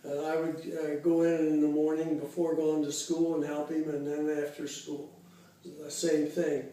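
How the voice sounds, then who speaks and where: A man in his eighties from Cincinnati, Ohio, recalling his life in an interview, unhurried and halting with many fillers. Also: a little high, completely flat delivery, dark tone. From Cincinnati, Ohio, USA. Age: 80s. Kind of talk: casual oral history interview. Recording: very echoey room, voice far from the mic.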